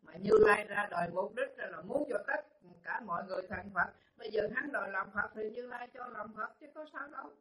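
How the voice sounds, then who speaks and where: A man voicing a calm, wise spiritual teacher. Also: high voice, a little fast, hardly any pauses, distant mic, crowd noise, voice pushed up, lightly acted. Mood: reasoning. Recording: roomy, dull lo-fi recording.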